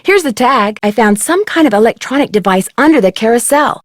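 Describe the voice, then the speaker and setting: A young woman voices an amateur sleuth in a detective video game, her fairly quick, high-leaning voice very dry with no echo or room sound and lively in intonation. Earnest, courteous and conversational yet persistent and inquisitive, she asks her questions politely and with clear enunciation.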